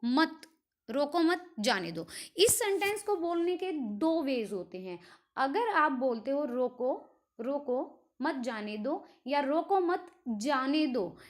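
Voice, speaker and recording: A woman teaching a grammar lesson for exam preparation, explaining step by step and mixing English words into her talk. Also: high voice.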